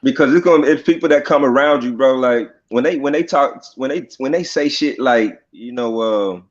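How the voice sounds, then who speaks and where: A man's voice: medium pitch, moderate pace, muffled recording. A man guesting on a podcast, talking in a laid-back, profane way with lots of fillers. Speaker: rapper guest. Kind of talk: casual podcast interview.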